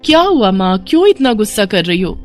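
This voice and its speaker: A woman's voice: medium pitch, very animated, fairly quick, a little mellow, soft background music, close to an everyday voice. A woman voicing a cheerful young daughter who loves drawing mehndi designs, speaking in a sweet, coaxing way.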